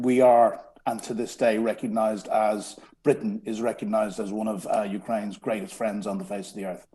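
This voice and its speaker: A man from Dublin, Ireland, formerly a strategic communications advisor, appears as a guest on a radio interview. His voice is low and mellow, and he speaks earnestly, often hesitating and starting sentences over.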